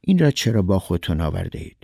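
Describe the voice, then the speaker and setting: A man's voice: low voice, very animated, vocal fry, warm tone, husky, dry recording, clean studio sound, full character voice. A man voicing a polite, fussing middle-aged male neighbor in a read-aloud story. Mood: puzzled. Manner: courteous, fussing, quick to reassure.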